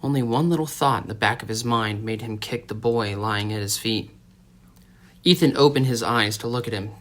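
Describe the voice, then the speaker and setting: A male audiobook narrator reads a tense story in a steady, dramatic way. His voice sits at an ordinary middle pitch. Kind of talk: scripted narration.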